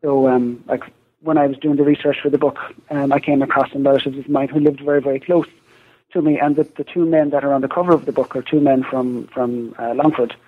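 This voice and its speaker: Male academic guest, west of Ireland accent, brisk explainer, slightly lo-fi line. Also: medium pitch, level tone. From Galway, west of Ireland. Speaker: interview guest, history researcher. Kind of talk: explanatory interview talk.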